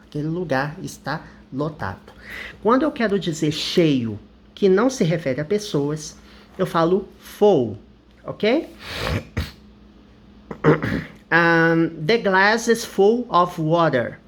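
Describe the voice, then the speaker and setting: A Brazilian woman teaching English vocabulary, who reads her example sentences slowly and carefully. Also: low-pitched.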